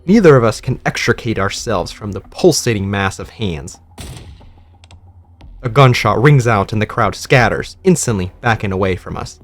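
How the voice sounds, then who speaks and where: Male narrator reading a game story, animated pitch, soft music underneath. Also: moderate pace. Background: faint music.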